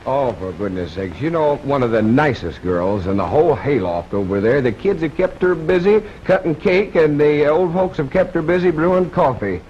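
A man's voice: fairly high pitch, expressive, moderate pace, hardly any pauses. Folksy man emceeing a 1950s TV show. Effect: 1950s TV broadcast sound. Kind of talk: folksy emcee patter between acts. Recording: dull lo-fi old TV broadcast with faint hiss.

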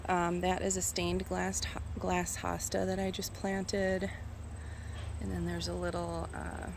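Gravelly-voiced woman touring her garden outdoors. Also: on the low side. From Minnesota. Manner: relaxed, musing, often unsure of plant names. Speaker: gardener giving a garden tour. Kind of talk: casual walking garden tour. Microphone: phone camera held while walking. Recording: outdoor recording with loud insect noise. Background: crickets and insects.

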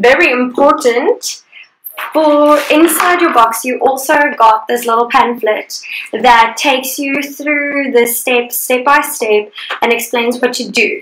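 A woman's voice: sits high, fairly bright tone. A young woman leading a live guided painting class over a video call, chatty and upbeat, laughing often. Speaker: art instructor. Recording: echoey room.

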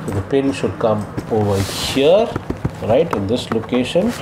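A young man demonstrates a task step by step in a casual vlog, sitting on the floor at home. He speaks at medium pitch, explaining haltingly and pausing mid-sentence while working, over steady ambient room noise.

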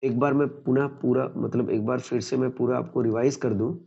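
A man's voice: mid-range voice, steady tone, moderate pace, gravelly, dark tone, slightly rough, muffled recording. A man teaching a grammar lesson, who keeps repeating points and asks questions he answers himself.

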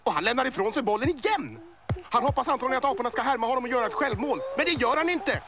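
A man voicing an excitable male boa snake who commentates a cartoon sports match, working up to yells at the goals. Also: extremely high pitch, noisy background. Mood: amused. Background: music.

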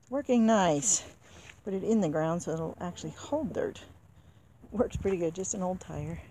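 A woman with a fairly low, dark-toned voice walks around her yard and chicken pens at a moderate pace, chatting unhurriedly and talking to her backyard hens. It's captured on a handheld camera, with noisy outdoor audio.

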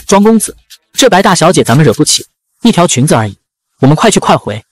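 男声演绎的胆小的宫中女奴. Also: female voice, deep voice, sing-song, fast, soft background music. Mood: pleading. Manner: frightened, hesitant. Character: timid palace servant girl.

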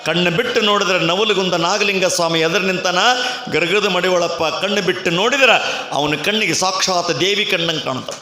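A man's voice: sits high, sharp tone. A man giving a religious discourse at a temple fair, telling the story dramatically and acting out the characters' lines. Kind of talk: sermon storytelling. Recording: echoey hall with music behind.

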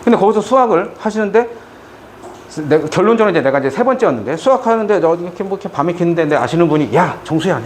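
A middle-aged man lectures a class on math, breaking into joking stories along the way. His voice sits somewhat high and swings widely as he talks. Faint room ambience hangs behind him. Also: very fast, a little hiss or hum. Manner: animated, joking, chatty with students. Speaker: math tutor. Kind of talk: lecture with storytelling asides.

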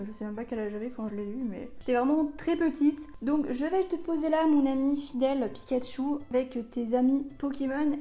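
Chatty young woman with a higher, mellow voice. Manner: chatty, rambling with many fillers. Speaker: vlogger. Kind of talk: casual food tasting vlog.

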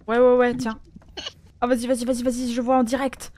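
A woman's voice: fairly high pitch, level tone, brisk, darkish tone, slight background noise. A woman hosting a gaming video, chatting casually with friends while she plays, full of hesitations and laughs. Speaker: gaming channel host. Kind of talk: casual gameplay chat with friends.

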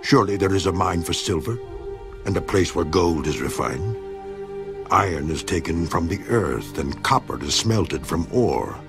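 A voice actor in a Bible audio drama plays Job, an aged, suffering but steadfast man, in a low, animated, creaky voice at moderate pace over music. His delivery is solemn and declamatory, with rising and falling emphasis.

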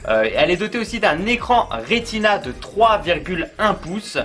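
A man's voice: sits high, animated, moderate pace, fairly bright tone, faint music behind. A man giving a casual product review, chatty and full of fillers, talking straight to the viewer. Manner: chatty, many fillers, addresses viewer informally.

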